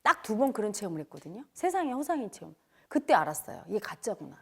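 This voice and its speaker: A woman spiritual teacher giving an emotional lecture, telling her story with loud outbursts that drop into hushed near-whispers. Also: mid-range voice, big pitch swings, fast talker, creaky, breathy edge. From Cheongju area, South Korea.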